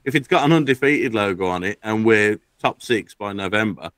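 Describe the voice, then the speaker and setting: A man co-hosting a casual podcast, cracking quick jokes. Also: on the low side, lively intonation, a bit bright, dry recording. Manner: joking, quick quips. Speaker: podcast co-host. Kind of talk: casual chat.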